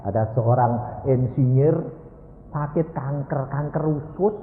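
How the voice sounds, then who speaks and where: Older Javanese-accented preacher in an echoey hall. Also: male voice, takes it slowly, phone-quality sound. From Indonesia. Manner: storytelling preacher acting out voices, mixing Javanese words, sudden loud high cries. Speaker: pastor. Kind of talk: sermon.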